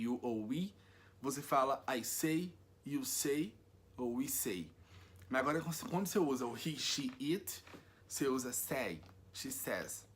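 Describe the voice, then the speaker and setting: A man's voice: mid-range voice, a bit bright. A Brazilian man with a Brazilian Portuguese accent, casually explaining English mistakes step by step in a vlog, with many fillers. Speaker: vlogger teaching English.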